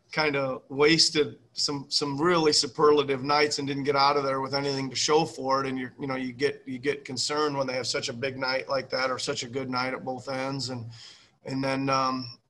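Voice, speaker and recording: A middle-aged man who coaches basketball fields post-game press conference questions by video call, his webcam picking him up in a small room with a team backdrop. He delivers his words flatly at a moderate pace, in a medium pitch with a bright, forceful tone. He tends to ramble, repeating words and restarting sentences.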